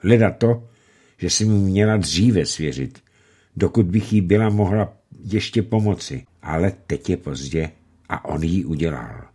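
A man's voice: low voice, animated, warm tone, breathy edge. A man reading the part of an older village blacksmith's wife who talks in a knowing, matter-of-fact way.

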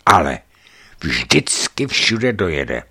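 A man's voice: deep voice, sing-song, bright, forceful tone, husky, heavily acted. A man voicing an enthusiastic, gossipy female hotel manager, talking emphatically and with animation. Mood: animated.

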